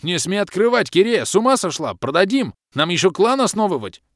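A man's voice: fairly high pitch, fast talker, fairly bright tone, dry recording, clean studio sound, pitched above the performer's own voice, lightly acted. A man voicing a greedy male half-orc treasurer who bellows and frets over money in an audiobook. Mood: frantic. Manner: bellowing, frantic. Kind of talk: audiobook character voice.

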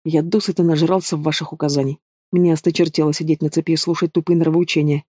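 A man's voice: fairly high pitch, little pitch movement, fast talker, a little mellow, dry recording, studio quality, natural voice. A man voicing a sneering young male villain in an audiobook, taunting and drawling with casual menace. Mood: scornful. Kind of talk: audiobook character voice.

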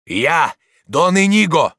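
Stern older judge, commanding and insistent, voiced higher and louder by a male reader. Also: animated, normal speed, no room sound, clean studio sound. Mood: urgent.

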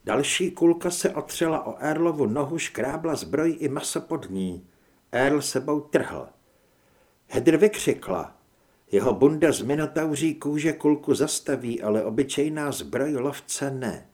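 A man reading an action audiobook as narrator in a steady storytelling delivery. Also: medium pitch.

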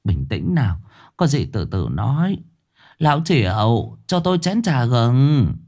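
A man voicing a caring middle-aged village woman in a ghost story, speaking gently and soothingly. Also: mid-range voice, animated, measured pace, lightly acted.

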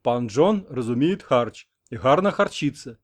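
A man reading an audiobook, voicing an unflappable interpreter who speaks flatly. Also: mid-range voice, unhurried, lightly acted. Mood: deadpan. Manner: flat, unflappable. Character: deadpan unfriendly interpreter man.

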